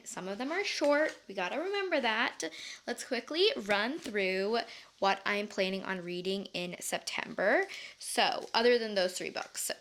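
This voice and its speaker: A woman's voice: mid-range voice, fairly bright tone. A young woman book vlogger chatting casually to her viewers, bubbly and self-teasing.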